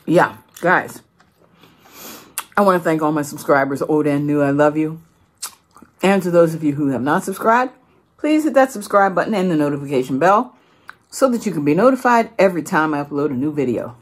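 A woman hosts an eating video, talking straight to her viewers in a casual, playful way. Her voice sits low, with a husky grain running through it. She keeps it loose and chatty between bites. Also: lively intonation, brisk, long pauses. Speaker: mukbang host. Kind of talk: casual eating vlog chat.

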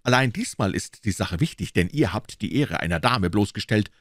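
A man's voice: fairly low pitch, animated, normal speed, fairly bright tone, dry recording, studio quality. A man voicing a cold, haughty young male musketeer with icy, disdainful courtesy in an audiobook reading. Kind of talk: audiobook character voice.

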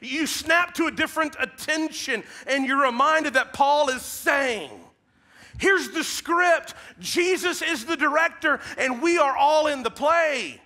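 High-voiced, bright Midwestern American preacher. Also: male voice, a little slow. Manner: dynamic preaching, swings from loud emphatic calls to hushed near-whispers. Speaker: pastor. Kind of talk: sermon. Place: large church stage with blue-lit backdrop.

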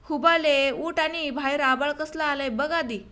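A woman's voice: high voice, a little slow. A woman voicing an angry, worried village farmer who scolds his wife, in an audiobook story reading. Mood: angry scolding. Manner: scolding, sharp-tongued.

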